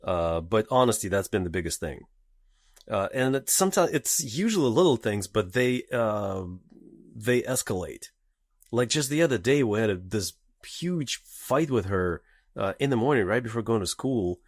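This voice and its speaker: A man with a lowish voice talks casually as a podcast guest. He hesitates a lot and fills his pauses with many "uh"s and "um"s. The recording is dry and close. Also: expressive, no room sound. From Russia. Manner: hesitant, many fillers and restarts.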